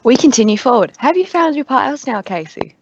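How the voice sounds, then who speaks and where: A woman's voice: high-pitched, sing-song, fairly quick, highs cut off, a little hiss or hum. A young woman chatting casually as a player in a tabletop game over a video call from home.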